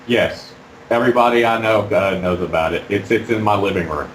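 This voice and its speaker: A man being interviewed about fursuiting while wearing a fursuit head, talking in a halting, rambling way with many fillers. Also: fairly low pitch, roomy sound, slight background noise, low-quality recording. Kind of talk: casual interview.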